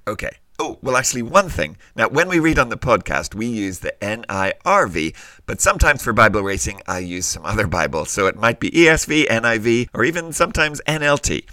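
A man's voice: medium pitch, sing-song, fairly quick, bright, forceful tone, no echo. A man presenting a children's podcast like a kids show host, speaking directly to young listeners in a scripted but conversational way.

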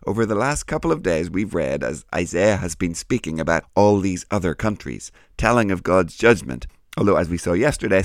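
Very deep-voiced, animated man hosting. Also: dry recording, studio quality. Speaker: host. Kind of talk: scripted educational Bible show dialogue.

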